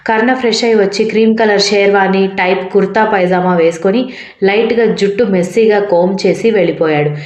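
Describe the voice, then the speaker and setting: A woman reading a romance story aloud in a steady narrating manner. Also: medium pitch, a little fast, reverberant.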